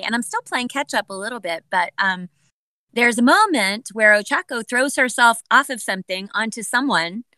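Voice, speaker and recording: Bright-voiced woman, hesitant panel guest. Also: medium pitch, no echo. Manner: hesitant, searching for words with many ums. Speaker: voice actress on a convention panel. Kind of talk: casual panel Q&A.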